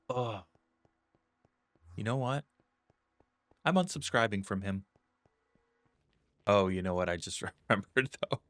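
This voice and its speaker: A man's voice: sits low, a bit bright, no room sound. A man giving casual gameplay commentary, chatty and self-mocking, with jokey asides to his viewers. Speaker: gaming YouTuber.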